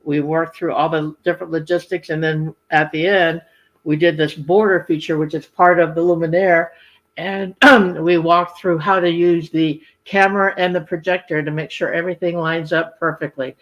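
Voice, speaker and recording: A man with a slightly high voice walks through craft designs in a casual demonstration. He explains as a designer would, in a halting, informal flow. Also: flat delivery, a bit bright, lo-fi sound. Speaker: machine embroidery designer presenting designs.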